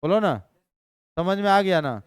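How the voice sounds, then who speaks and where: A man teaching chemistry in a live class, energetic and constantly quizzing his students. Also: high-pitched, a little slow, clean tone, no room sound, studio quality.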